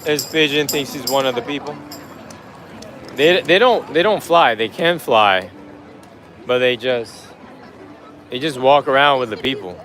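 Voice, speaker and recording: A man live-streaming as he walks a busy city street, rambling in a relaxed way and greeting chat viewers by name. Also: medium pitch, a little slow, long pauses, soft background music. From United States. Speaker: livestream vlogger. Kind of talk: casual live-stream chat while walking. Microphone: handheld phone on a gimbal.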